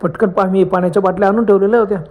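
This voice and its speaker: A man's voice: sits high, steady tone, racing, narrow, tinny audio, a little hiss or hum. Man telling a dramatic ghost story. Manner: dramatic, frequent gasped exclamations, acts out friends' fearful lines. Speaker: horror storyteller. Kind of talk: first-person ghost story narration.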